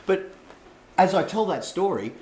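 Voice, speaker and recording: A man hosting a podcast interview, telling stories with animated energy and frequent laughter. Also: sits high, unhurried. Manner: animated storyteller, laughs often. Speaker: podcast host. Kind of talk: casual interview chat. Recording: roomy echo, faint background noise.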